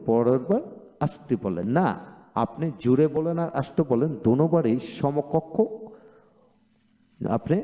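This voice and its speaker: Man drilling words twice, slow and deliberate. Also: medium pitch, warm tone, long reverb tail. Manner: earnest, encouraging explanation to viewers. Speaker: pronunciation teacher. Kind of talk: spoken English pronunciation lesson.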